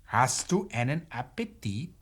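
An actor playing a hesitant family man in a radio play, with a drawn-out way of talking. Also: mid-range voice, very animated, slightly rough. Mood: muted. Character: hesitant, slow family man, Gustav Auer.

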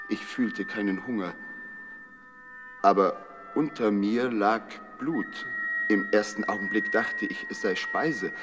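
A man narrating a literary story in a measured, dramatic reading that rises to intensity. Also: lowish voice. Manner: slow and measured, rising to intense. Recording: reverberant with loud music.

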